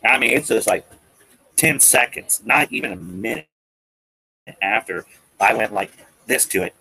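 Husky gravelly man ranting, very animated. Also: on the low side, a little slow, dry recording, low-quality recording. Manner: profane, agitated, defiant. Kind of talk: ranting storytelling to viewers.

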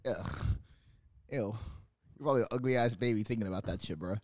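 A man's voice: lowish voice, brisk, no room sound, studio quality. A young man hosting a casual podcast chat, brash and joking, full of profane banter. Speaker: podcast host.

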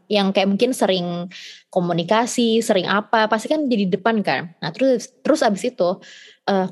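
A young woman with a slightly high voice chatting casually as a podcast co-host. She tells stories in quick slang and acts out the people in them. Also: a little mellow. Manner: chatty storytelling in slang, acting out quotes. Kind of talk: casual chat.

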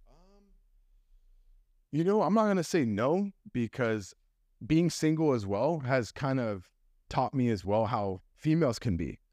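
A male podcast guest in casual studio chat, often chiming in with quick agreement, swearing and laughing along. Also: mid-range voice, very animated, a little mellow, no echo. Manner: frequent agreeing interjections, profane, laughs along.

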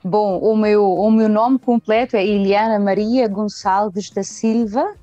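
A woman from Venezuela, a singer, talks about her upbringing in a relaxed way with filler sounds. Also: mid-range voice, takes it slowly, no room sound. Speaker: singer, interview guest. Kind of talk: casual interview talk. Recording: muffled lo-fi audio with faint music.

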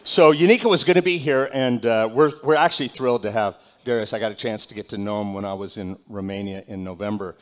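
A man's voice: fairly low pitch, quick pace, hardly any pauses. Pastor type, man, easygoing announcements voice, talks off the cuff with plenty of "uh"s. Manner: casual, conversational, with frequent fillers and restarts. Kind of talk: church announcements and onstage interview. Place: church sanctuary.

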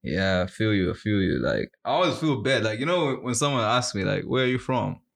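A man's voice: on the low side, very animated, brisk, vocal fry, a bit bright. A man from Zimbabwe chatting on a podcast, telling stories animatedly and mimicking people, laughing often. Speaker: podcast co-host. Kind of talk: casual chat.

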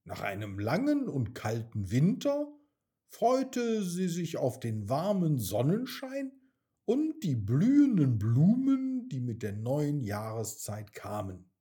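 Slow, lively male storyteller. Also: on the high side. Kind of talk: children's story narration. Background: soft background music.

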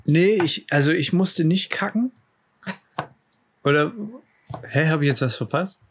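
A man's voice: fairly high pitch, slight background noise. A man co-hosting a casual podcast, joking crudely in loose banter. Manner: joking, crude, loose chat with drawn-out fillers. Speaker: podcast co-host.

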